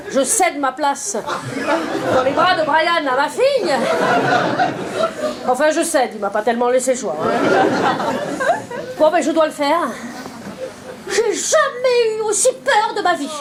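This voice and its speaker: A woman's voice: high voice, noisy background. A middle-aged woman comedian telling a self-mocking story on a theater stage. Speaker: stand-up comedian. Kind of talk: stand-up storytelling. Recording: live theater with loud audience laughter.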